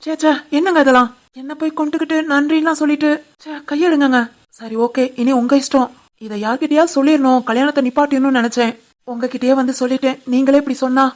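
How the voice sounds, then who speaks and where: Woman voicing a quick, urgent cartoon young woman. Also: high-pitched, steady tone, close to an everyday voice. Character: worried young woman, kind-hearted warner.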